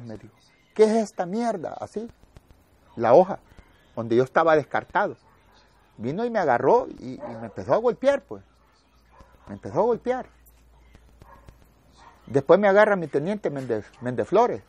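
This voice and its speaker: Older Salvadoran man recounting war stories. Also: a little high. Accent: Salvadoran Spanish. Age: 60s. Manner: animated storyteller acting out quoted voices. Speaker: war veteran interviewee. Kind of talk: spoken war memoir.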